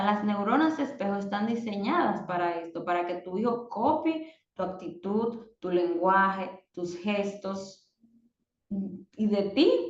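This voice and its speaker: A woman, a mother, teaching an online parenting course and giving direct advice with slow, emphatic stresses. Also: medium pitch, reverberant, dull audio.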